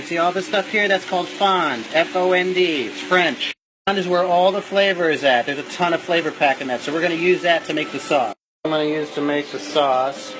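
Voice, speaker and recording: A man's voice: fairly high pitch, noisy background. A man giving a casual, playful cooking demonstration in a home kitchen, loose and tipsy, swearing freely as he talks. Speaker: home cook hosting a cooking video.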